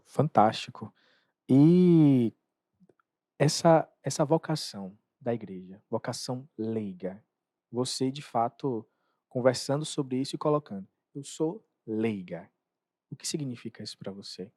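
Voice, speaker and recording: A young seminarian co-hosting a podcast, asking questions conversationally, with tag questions and small restarts. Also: male voice, medium pitch, measured pace, dark tone, no room sound, studio quality. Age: young adult. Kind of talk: podcast interview.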